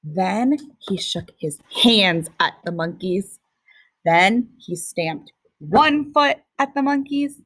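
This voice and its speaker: A woman teacher reading a picture book aloud to children, expressive and pausing to ask questions. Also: mid-range voice, dry recording, rough recording. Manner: expressive, asks listeners questions.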